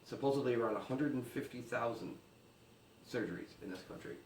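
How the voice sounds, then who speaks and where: A man reads out mock news with a dry, deadpan delivery and plenty of swearing. He sits back from the mic in a roomy space, with a faint hiss behind him. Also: mid-range voice, a little fast, distant mic. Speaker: comedy news co-host. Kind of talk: deadpan comedic news segment.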